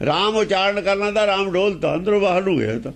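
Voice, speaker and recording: A man's voice: high-pitched, quick pace, vocal fry. A man with a Punjabi accent explaining scripture, repeating key phrases and asking rhetorical questions. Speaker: religious teacher. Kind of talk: scripture exposition talk.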